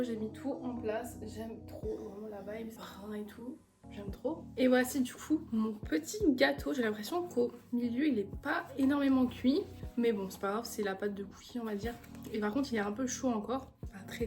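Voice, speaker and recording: A woman's voice: on the high side, normal speed. A young woman chatting casually in a haul vlog, gushing with enthusiasm over her purchases, with music playing behind her. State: a little out of breath. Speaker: vlogger. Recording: background music.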